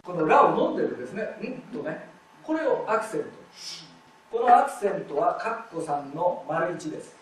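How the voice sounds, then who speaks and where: A man giving a live lecture on expressive reading, explaining step by step and demonstrating readings aloud. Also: high-pitched, normal speed. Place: lecture hall at a festival event. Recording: very echoey hall, distant mic.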